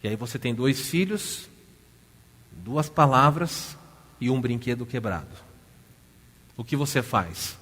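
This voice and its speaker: A man with a Brazilian Portuguese accent preaching a sermon, telling a story with lively rhetorical questions to the congregation. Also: medium pitch, takes it slowly, pauses often, breathy edge. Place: church hall. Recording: church hall reverb.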